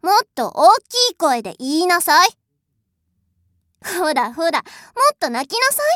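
A woman's voice: very high-pitched, big pitch swings, a little slow, a bit bright, no echo, studio quality, heavily acted. A woman voicing a haughty, spoiled rich young lady who is bossy, cruel and scornful, in an audio drama. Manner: imperious, scornful, mocking. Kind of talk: adult audio drama role-play.

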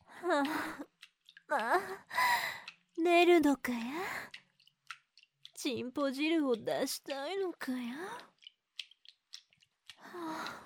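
A woman voicing a teasing, dominant woman with old-fashioned archaic speech, whispering slowly and playfully close to the mic in an ASMR roleplay. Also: high voice, full character voice. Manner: mocking, slow, playful.

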